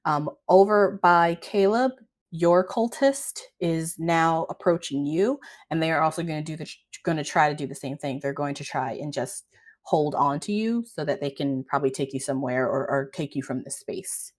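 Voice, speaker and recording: A woman's voice: low-pitched, moderate pace. A woman narrating a tabletop role-playing game as game master in an informal, improvised way.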